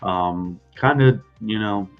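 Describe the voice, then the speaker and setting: A man's voice: fairly low pitch, slow, soft background music. A laid-back man guest in a casual chat, full of "you know" fillers, over dull lo-fi audio.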